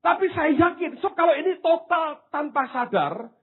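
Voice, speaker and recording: A man preaching a sermon, swinging from hushed asides to loud exclamations, with casual slang jokes. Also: extremely high pitch, animated, moderate pace. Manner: drops into casual Javanese-flavoured slang for humour. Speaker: pastor. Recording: tinny phone-like sound.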